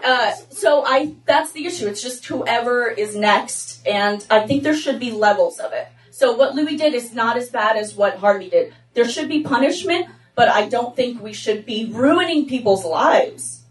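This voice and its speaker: A woman from Russia trades dry, deadpan jokes on a comedy panel, often restarting her sentences. Her voice sits a little high. The mic is some way off, so the sound is roomy. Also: normal speed, few pauses, far from the mic.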